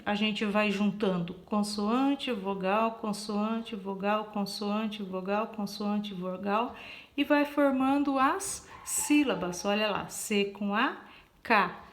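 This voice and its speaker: A woman's voice: mid-range voice, a little hiss or hum. A woman teacher giving a patient classroom explanation, spelling out letters one by one, counting aloud and checking in with "tá?". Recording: echoey room.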